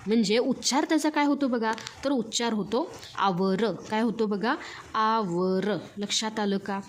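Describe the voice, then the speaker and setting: A woman's voice: fairly high pitch, a little slow, a little hiss or hum. A woman with a Marathi accent teaching a grammar lesson, drilling each point with repeated rhetorical questions. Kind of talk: classroom grammar lecture.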